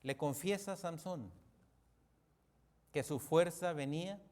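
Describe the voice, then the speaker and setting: This pastor preaches slowly in a fairly high voice, pressing his points emphatically and repeatedly calling out to the congregation. At moments he suddenly sinks into a hushed voice.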